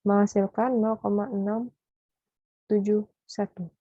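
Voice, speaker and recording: A young woman, a student presenter, reading worked probability examples aloud in a measured way. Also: medium pitch, flat delivery, mellow, no echo, faint music behind. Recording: dull lo-fi dry recording.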